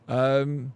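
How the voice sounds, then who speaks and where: Warm-voiced man chatting on stream. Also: mid-range voice, smooth. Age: 40s. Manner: chatty, joking, reads and answers chat. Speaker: game streamer. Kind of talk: casual live-stream chat.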